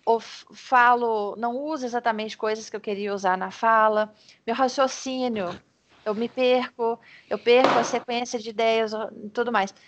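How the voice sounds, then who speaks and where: A woman with a Brazilian Portuguese accent tutors a student over a video call, her voice a little higher than most. She talks in a friendly, encouraging flow, breaking off and restarting sentences as she explains her points. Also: fairly even intonation, normal speed, muffled recording, slight background noise. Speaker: English teacher. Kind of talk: online tutoring lesson.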